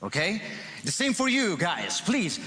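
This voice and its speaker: Lively Italian man performing on stage. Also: high voice, unhurried. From Italy. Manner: lively, playful, coaxing. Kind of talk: stage patter to an audience. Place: large theater stage. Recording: long hall reverb with loud music.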